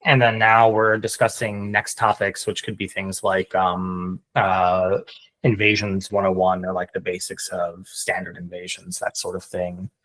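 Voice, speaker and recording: A man's voice: low voice, completely flat delivery, a little slow, a bit bright. A man explaining things in casual conversation like a teacher, hesitantly thinking aloud.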